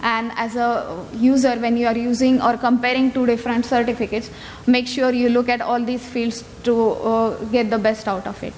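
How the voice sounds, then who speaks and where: In a reverberant, noisy hall, a woman gives a technical talk. Her voice sits fairly high as she explains her material to the room as a conference speaker. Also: level tone, normal speed. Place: large indoor conference room. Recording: echoey hall, noticeable background noise.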